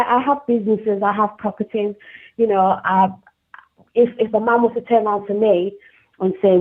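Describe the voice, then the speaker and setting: On a tinny phone line, a husky, mid-range woman's voice calls into a live talk show. She has a South Yorkshire accent, comes from South Yorkshire in England, and chats casually, laughing often.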